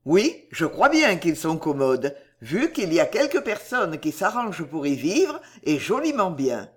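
A reader voicing a gruff, touchy male prison guide who answers loudly and indignantly, in a storybook reading. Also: medium pitch, big pitch swings, a little slow. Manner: loud, indignant retorts.

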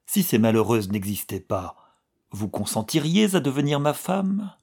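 A man's voice: medium pitch, big pitch swings, moderate pace, darkish tone, slightly rough, voice pushed up. A man reading as an insistent lovelorn young man. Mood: pleading. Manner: earnest, commanding, pleading.

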